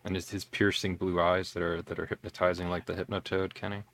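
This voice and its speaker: A man with a very low voice hosts a casual podcast recap, hesitating and wandering off on tangents. The sound is dry and close. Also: flat delivery, brisk, a bit bright, no echo. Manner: rambling, tangent-prone, hesitant. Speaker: podcast host.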